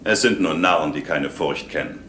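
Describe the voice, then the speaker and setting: An actor playing a stern, proud Klingon warrior lieutenant in a dubbed science fiction drama, speaking gravely in measured, formal words. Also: male voice, rumbling low, pushed and bright, echoey room, slight background noise. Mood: grave, stoic.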